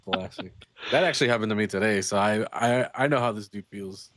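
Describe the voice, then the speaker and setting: A man's voice: fairly low pitch, fairly quick, a bit bright. A man co-hosting a casual chat, easygoing, giving short agreeing replies. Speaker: podcast co-host.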